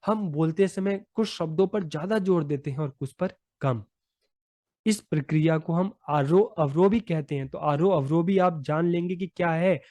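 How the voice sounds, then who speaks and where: A man's voice: on the high side, normal speed, mellow, dry recording. A man teaching a lesson, explaining patiently and repeating his main points.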